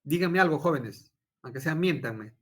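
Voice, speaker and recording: A man's voice: fairly high pitch, animated, moderate pace, fairly bright tone. Lecturing man tagging lines with "¿no?". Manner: quizzes students, tags many phrases with "¿no?". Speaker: physiology lecturer and intensive care doctor. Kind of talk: informal lecture with personal anecdote.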